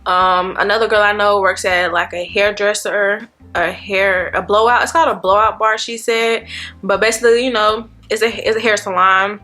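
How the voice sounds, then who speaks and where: A woman's voice: medium pitch, steady tone, moderate pace, pushed and bright. A woman in her twenties, a nursing student vlogging in a chatty, rambling way, talking straight to her viewers. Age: 20s. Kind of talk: casual chat to camera.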